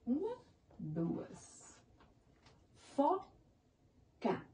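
A woman's voice: high-pitched, huge pitch swings, very slow, warm tone, distant mic. A woman teaching young children in Brazilian Portuguese, counting syllables of animal names and praising them as she goes. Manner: encouraging, spells words out in syllables. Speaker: primary school teacher.

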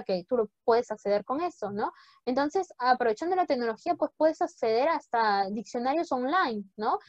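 Chatty Peruvian teacher on a video call. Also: female voice, fairly high pitch, no room sound. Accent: Peruvian Spanish. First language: Spanish. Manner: chatty, encouraging, many rhetorical "right?" tags. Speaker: English teacher. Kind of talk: online class talk to students. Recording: dull, dry video-call audio.

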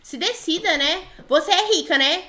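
A woman's voice: very high-pitched, animated, normal speed, sharp tone. A young woman with a Brazilian accent chatting playfully as she narrates a role-play game for her viewers. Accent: Brazilian Portuguese. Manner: chatty and playful, reads out chat lines in mock voices. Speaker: gaming YouTuber.

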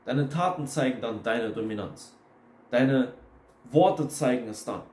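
A man's voice: medium pitch, measured pace, a little mellow. A young man talking bluntly to camera in a casual, repetitive lecturing monologue, mixing in English phrases. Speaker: self-help video host. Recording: echoey room.

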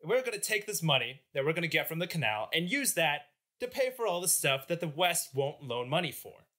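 A defiant, self-justifying national leader speaks indignantly, as a man puts him on. The voice is bright and high, and the pitch moves a lot. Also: big pitch swings, fairly quick, heavily acted.

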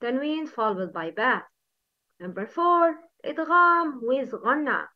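Woman Quran teacher, very slow and deliberate, high voice, dull lo-fi sound. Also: big pitch swings. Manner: slow, drawn-out recitation with repeated words for learners. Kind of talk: Quran recitation and tajweed lesson.

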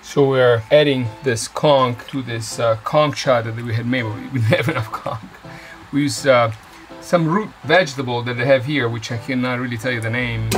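A man's voice: medium pitch, steady tone, normal speed, faint music behind, rough recording. A man in his fifties, chatting casually while he cooks in a boat galley and explains the dish. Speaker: sailing vlogger. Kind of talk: casual chat while cooking.

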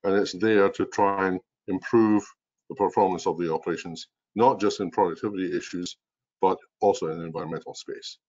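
Deep-voiced older man, strong Scottish accent. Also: fairly even intonation, a little fast, a little mellow. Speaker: organization president and chief executive, presenter. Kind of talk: explanatory business webinar presentation. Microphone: video call computer mic. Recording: dull, lo-fi video call audio.

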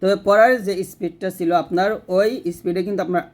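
A man's voice: high voice, fairly even intonation, fast. A man teaching Quran reading in a spoken lesson, patiently explaining and repeating words. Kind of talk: casual spoken lesson with slow recitation examples.

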